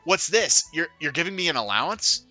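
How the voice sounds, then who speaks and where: A man's voice: a little high, normal speed, pushed and bright, faint music behind, voice pushed up. A man voicing a nervous teenage schoolboy in a game, talking in an exasperated, blurting way.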